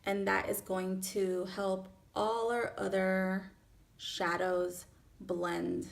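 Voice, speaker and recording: A woman in her thirties speaks with a Miami accent and noticeable vocal fry. Her pitch sits in an ordinary middle range. She talks in an informal, chatty way, like a beauty vlogger walking viewers through a tutorial at home. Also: flat delivery, drawn-out words. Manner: chatty, informal, self-accepting. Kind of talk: casual makeup tutorial chat. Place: small furnished room at home, indoors.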